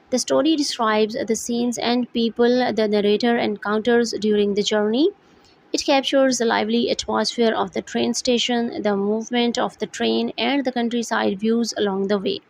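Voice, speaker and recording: A woman's voice: fairly high pitch, vocal fry, rough recording. A woman teacher working through workbook answers, reading the English aloud and then explaining it in Hindi with Urdu words, recorded close as a voice-over.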